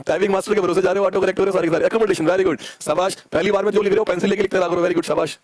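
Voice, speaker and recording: A man's voice: sits high, fairly even intonation, rapid-fire, no echo. A young man with an Indian accent teaching a live online English class, coaxing students and spelling words out letter by letter.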